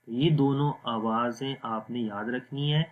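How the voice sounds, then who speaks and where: A man teaching Quran recitation, explaining each letter and then reciting slowly and drawn out. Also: medium pitch, steady tone, narrow, tinny audio. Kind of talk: slow recitation lesson.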